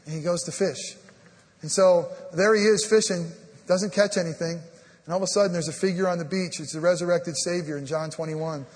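A man preaching a sermon as pastor, animated, swinging between loud emphasis and a soft hush and acting out the scripture dialogue, with many "I mean" fillers. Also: high voice, fairly quick, in a large hall. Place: church sanctuary.

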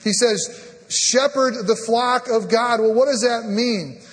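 This pastor preaches at a measured pace in a high voice, the sanctuary's long reverb ringing behind him. Animated throughout, he shifts from loud emphasis to a near whisper, performs the scripture's dialogue, and often falls back on "I mean."

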